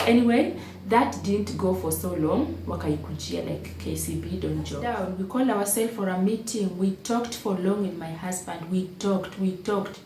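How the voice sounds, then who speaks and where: A woman's voice: on the low side, moderate pace, recorded from a distance. A young Kenyan woman telling her own life story to the camera, emotional and repeating phrases for emphasis. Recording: echoey room, voice a bit off-mic, faint background hum.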